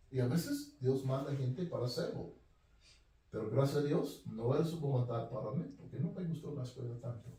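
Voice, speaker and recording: A man's voice: on the high side, warm tone. A man preaching a sermon in an earnest, direct way, often repeating his phrases. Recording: very echoey room, voice from far off.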